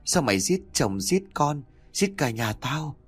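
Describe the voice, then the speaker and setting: A man voicing a vengeful ghost in an audio horror story, speaking slowly and hushed with menace. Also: on the high side, very animated, husky, soft background music, pitched above the performer's own voice, exaggerated voice. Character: vengeful moaning ghost demanding gold back.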